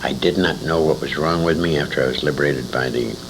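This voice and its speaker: An older American man with a very deep voice talks a little fast as he reminisces in an interview. His anecdotes are rambling and emphatic, peppered with asides to the listener, and the recording is a noisy amateur one from a 1980s convention.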